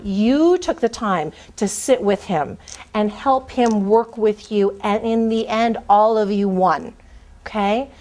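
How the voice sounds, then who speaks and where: A woman recruiter giving career advice in a conversational, emphatic way, speaking directly to her listeners. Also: medium pitch. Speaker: corporate recruiter.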